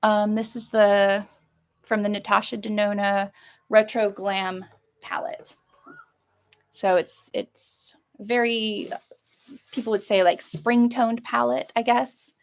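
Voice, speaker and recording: A middle-aged woman with a creaky voice, chatting casually through an unboxing in a rambling, hesitant way. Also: mid-range voice, flat delivery, slow. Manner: rambling, hesitant, trailing off and circling back. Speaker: vlogger showing a shopping haul.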